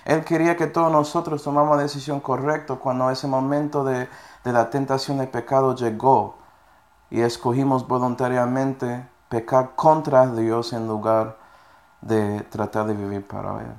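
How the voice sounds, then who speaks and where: A man's voice: mid-range voice, little pitch movement, moderate pace. Man preaching a sermon, checking in often. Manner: checks in with listeners with frequent tag questions; reads scripture verses aloud between explanations.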